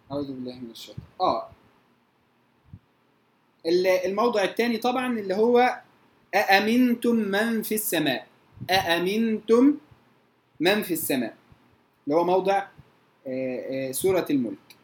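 A woman with an Egyptian Arabic accent teaching Quran recitation rules. She draws out her recited examples slowly and often checks whether her students follow. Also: on the low side, big pitch swings, darkish tone. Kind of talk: tajweed lesson. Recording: roomy echo.

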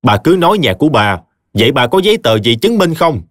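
A man's voice: medium pitch, very animated, normal speed, no room sound, studio quality, natural voice. A man voicing a stern, scornful village chief who barks orders. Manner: commanding and contemptuous.

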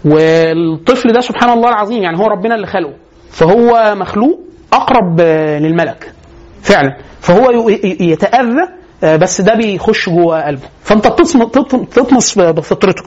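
A man with an Egyptian accent giving a religious lecture on parenting, telling lively stories and laughing often. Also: sits high, brisk, muffled recording. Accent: Egyptian Arabic.

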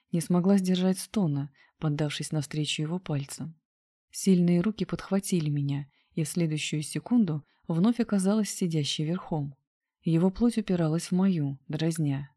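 A woman narrating a romance novel aloud in a soft, intimate reading. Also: on the low side, no room sound, clean studio sound. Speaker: audiobook narrator.

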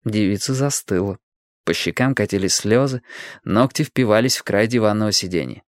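A man narrating a novel in an expressive, dramatic reading style. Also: on the low side, normal speed, no echo, clean studio sound. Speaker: audiobook narrator. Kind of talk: scripted narration.

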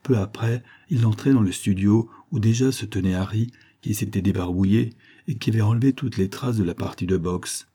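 A man reading a serialized detective novel aloud in a measured storytelling manner. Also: on the low side, warm tone, breathy edge. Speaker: audiobook reader. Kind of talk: scripted narration.

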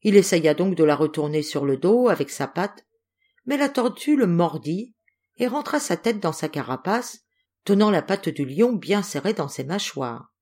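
A woman reading a children's fable aloud in an expressive, animated storybook narration. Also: on the low side, moderate pace. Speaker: audiobook reader.

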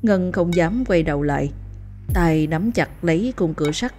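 A woman narrates a ghost story in a steady, measured storyteller's delivery. Her voice is low-pitched and dark, with a mellow tone. Faint music plays underneath. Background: faint background music.

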